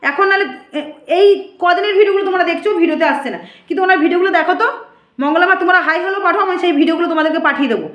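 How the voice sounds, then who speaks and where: A woman's voice: very high-pitched, fairly bright tone, lo-fi sound. A woman, speaking to camera as a vlogger and defending herself against critics in an aggrieved, lecturing way, recorded on a phone in an echoey room. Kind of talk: direct-to-camera rant.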